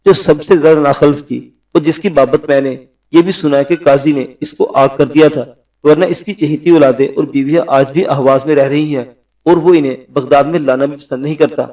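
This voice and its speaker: A man reading historical fiction aloud in a steady narrating manner. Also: fairly high pitch. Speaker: storyteller. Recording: distant mic.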